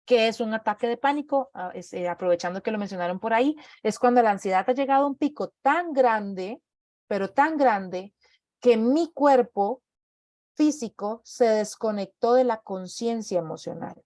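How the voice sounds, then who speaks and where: A woman's voice: on the high side, lively intonation, normal speed, darkish tone, no room sound, studio quality. Woman giving a chatty talk. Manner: conversational, acts out inner voices, tags with ¿verdad?. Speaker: speaker giving a talk on anxiety. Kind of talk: online talk, explanatory.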